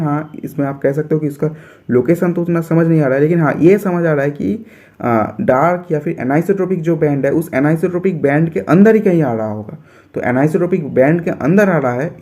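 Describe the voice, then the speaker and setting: A young Indian man teaches biology for an entrance exam, explaining step by step and repeating his points. His voice is a little high and mellow.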